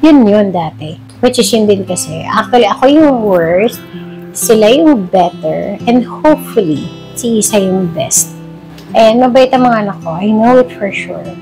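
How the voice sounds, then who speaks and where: A middle-aged woman with a Filipino accent, a mother vlogging in a sit-down confessional, speaking slowly and emotionally, near tears at times, mixing English and Tagalog. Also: mid-range voice, expressive, dark tone, faint music behind, poor audio.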